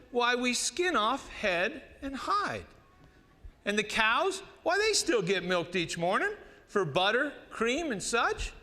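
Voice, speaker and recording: A man with an American West cowboy twang recites cowboy poetry in a folksy drawl with dramatic pauses. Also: very high-pitched, bright, forceful tone. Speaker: cowboy poet. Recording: reverberant hall.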